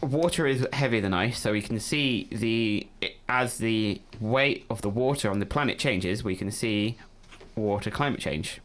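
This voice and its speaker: A man's voice: fairly low pitch, measured pace, a bit bright. A young man co-hosting a casual science chat, explaining things patiently and slipping in dry jokes. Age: young adult. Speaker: co-host.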